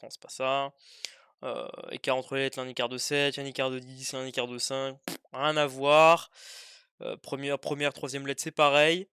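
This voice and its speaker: Young male tutor, bright and crisp, thinks aloud, dry close mic. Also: mid-range voice, no echo. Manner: thinks aloud, hesitant with many fillers. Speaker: test-prep tutor. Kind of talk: informal worked-example lesson.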